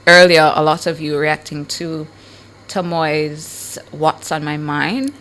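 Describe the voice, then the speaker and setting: Animated woman radio host. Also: sits low, takes it slowly, a little hiss or hum. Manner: chatty, animated, teasing. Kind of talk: casual radio chat.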